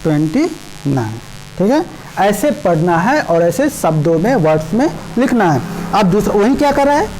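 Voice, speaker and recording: A woman teaching a primary school math lesson, explaining place values slowly and repeatedly checking in with the children. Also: medium pitch, big pitch swings, darkish tone, a little hiss or hum, low-quality recording. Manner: slow, repetitive explaining with frequent "ठीक है" checks. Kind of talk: class 5 math lesson in Hindi with English number words.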